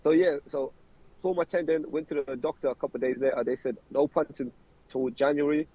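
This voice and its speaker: A young man talks about boxing at a quick pace, tripping over repeated words. His voice is dark and husky. The recording sounds dull and lo-fi. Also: fairly high pitch, fairly even intonation. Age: 20s. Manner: fast, rambling, repeats words when starting sentences. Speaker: professional boxer, interview guest. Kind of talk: casual interview chat.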